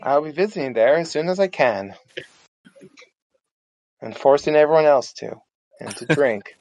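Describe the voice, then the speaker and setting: A man's voice: on the high side, animated, moderate pace, darkish tone, no echo, rough recording. A man playing a tabletop game, improvising casually in character in a rambling, self-promoting way.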